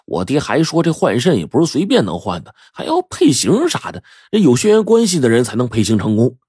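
A man's voice: mid-range voice, wildly swooping pitch, a little fast, a little mellow, slightly rough, no echo, studio quality, pitched above the performer's own voice. A man voicing a teenage classmate who chats and shows off what he has heard. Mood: boastful. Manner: chatty, show-off. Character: gossipy teenage boy classmate, showing off.

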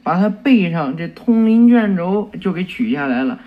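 A man tells a cartoon story in a loose, chatty way, full of fillers and quick self-corrections. The recording sounds a bit muffled and lo-fi. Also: high voice, lively intonation. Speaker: storyteller retelling an anime episode. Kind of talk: casual oral retelling with acted voices.

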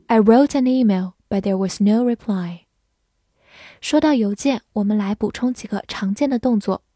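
A woman teaching vocabulary, explaining words patiently, spelling them letter by letter and repeating sentences slowly. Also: a little high, dark tone, no room sound, clean studio sound. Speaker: English teacher. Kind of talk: vocabulary lesson, spelling and slow read-alouds.

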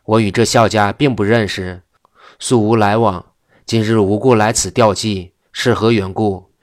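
A man's voice: on the low side, steady tone, unhurried, dry recording, studio quality, lightly acted. A man reading the lines of a puzzled middle-aged shopkeeper, musing in bewilderment.

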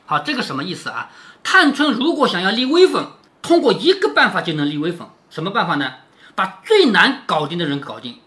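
A man's voice: high-pitched, sing-song, brisk, bright, forceful tone. A man reading a classic novel aloud and explaining it, often asking rhetorical questions. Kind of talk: storytelling with explanations.

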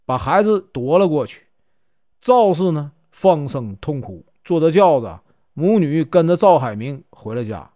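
A man telling a folk tale in a lively, chatty way, with drawn-out fillers. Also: on the high side. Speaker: storyteller. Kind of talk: folk storytelling narration.

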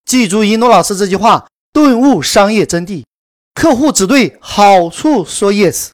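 A woman telling a promotional story in a brisk, emphatic scripted sales delivery. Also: medium pitch, expressive. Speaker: course promoter narrator.

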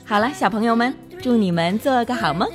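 A woman narrating a bedtime story for children, gentle and measured. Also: fairly high pitch, over music.

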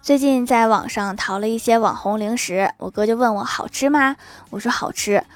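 A woman with a somewhat high voice, speaking at a normal speed with faint music in the background, hosts an online shop and tells jokes. Her casual storytelling is teasing, and she chuckles at her own punchlines.

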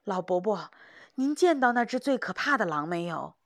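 A woman voicing a frightened, panicky young male hunter who pleads in high, breathless cries. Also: very animated, normal speed, no room sound, clean studio sound. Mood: anxious.

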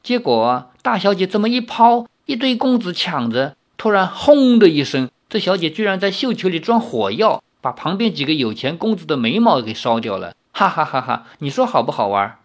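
A sweet, playful young heroine, teasing and lilting, as a man reading the story puts her on. The voice sits a little high and swoops lively between notes, devoted but with a fierce edge, in a storybook reading. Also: normal speed, few pauses.

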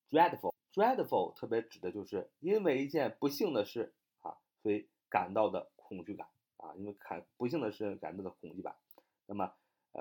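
A man's voice: on the low side, darkish tone. A man teaching English vocabulary, explaining word meanings and spelling words out letter by letter, with many filler sounds.

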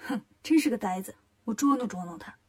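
A woman's voice: on the high side, expressive, a little fast. Woman doing a cocky teasing monkey king. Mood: sly. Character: Sun Wukong, cocky mischievous monkey king.

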